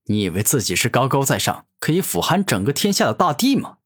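Man doing a deep growling monster villain. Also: big pitch swings, a little fast, a bit bright, slightly rough. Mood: boastful. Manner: growling angry threats. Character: arrogant furious male monster warlord.

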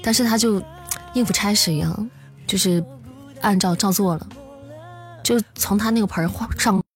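A woman's voice: medium pitch, moderate pace. A woman livestream host chats her way through a creepy tale to her viewers. Her talk is loose and full of restarts, and she often asks them if they follow. Faint music plays under her voice. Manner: chatty, often checks in with listeners and restarts her sentences. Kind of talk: casual storytelling to a live audience.

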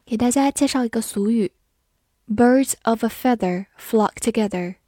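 A woman teaching English vocabulary, spelling words slowly letter by letter in a clear, scripted lesson. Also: on the high side, dark tone, dry recording, clean studio sound.

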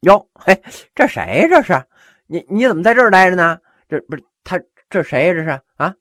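A man voicing an arrogant aristocratic clan head who talks with haughty scorn and breaks into shouts. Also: high voice, very animated, brisk, no room sound, clean studio sound, voice pushed up, full character voice.

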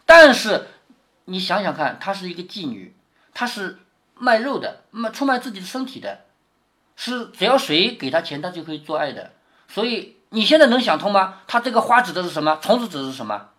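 Lively man explaining a story aloud. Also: high voice, fairly quick. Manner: explains and checks for understanding. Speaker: father reading a classic novel to his daughter.

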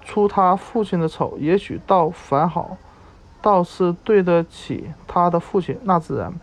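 A man reading a story aloud at a slow, measured pace, with occasional halting restarts. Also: high-pitched. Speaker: narrator.

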